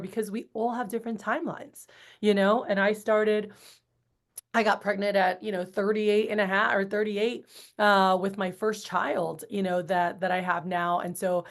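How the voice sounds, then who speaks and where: Woman, 40s, podcast guest. Rambling, conversational, acts out quotes mid-story. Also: mid-range voice. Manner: rambling, frequent restarts and acted-out quotes. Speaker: guest, entrepreneur and coach. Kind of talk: casual podcast interview talk.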